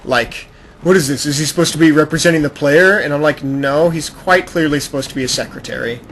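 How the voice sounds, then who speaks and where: On a noisy amateur gaming podcast with video game audio in the background, a man with a brisk, fairly bright, higher-leaning voice does the hosting. He talks casually, rambling through explanations while the game is played and occasionally acting out imagined quotes.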